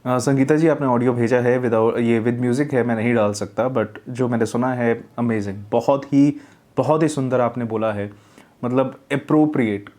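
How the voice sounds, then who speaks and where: A man's voice: medium pitch, steady tone, moderate pace, darkish tone. A man working as a voiceover coach, reviewing recordings and explaining tips step by step. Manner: explains step by step, demonstrates readings.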